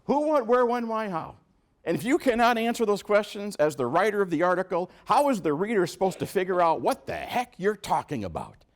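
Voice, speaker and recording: Guy giving a pep talk to a room, high and bouncy voice, acts out little quotes. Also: fairly quick. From New York. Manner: animated, asks the audience questions, acts out quotes. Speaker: speaker at a business meeting. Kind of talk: motivational speech.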